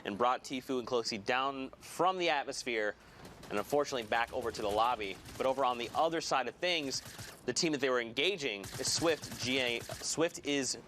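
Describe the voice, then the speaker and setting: Guy casting esports live, hyped and jokey, bright sharp tone. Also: medium pitch, normal speed, a little hiss or hum. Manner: energetic, jokey play-by-play. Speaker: esports caster.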